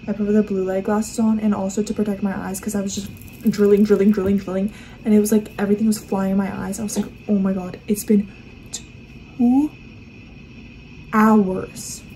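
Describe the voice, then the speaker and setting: A young woman, exhausted and tired, vlogs casually at home late at night for a day-in-my-life video, sounding exasperated and dramatic and saying "like" constantly. Her voice is medium-pitched and dark, with a level tone and normal speed. The low-quality recording carries a little hiss or hum.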